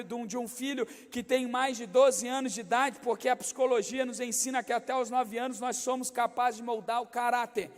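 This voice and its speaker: A middle-aged Brazilian pastor with a Rio de Janeiro accent, his voice pitched strikingly high for a man. He preaches in a large church hall, where a long reverb trails every phrase. He drops into soft, confiding asides, then climbs to shouted exhortation. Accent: Brazilian Portuguese, Rio de Janeiro state. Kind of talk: sermon.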